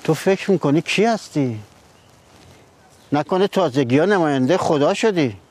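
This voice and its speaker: A man's voice: a little high, lively intonation, darkish tone. An actor playing a stern, authoritative older father who speaks in a firm, reproachful way. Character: stern, authoritative family patriarch.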